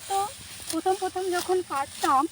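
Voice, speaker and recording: A woman's voice: very high voice, moderate pace, a bit bright, a little hiss or hum. A young woman talks straight to her viewers in a casual, chatty way while she cuts rice. She is recorded outdoors in an open field on a phone camera, and faint rural sounds and birds come through behind her. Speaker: vlogger. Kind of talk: casual vlog narration. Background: faint rural outdoor ambience, birds.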